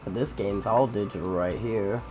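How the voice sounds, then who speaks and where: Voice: deep voice, normal speed. Casual gamer chatting over game music. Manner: informal, rambling. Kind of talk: casual gameplay commentary and chat.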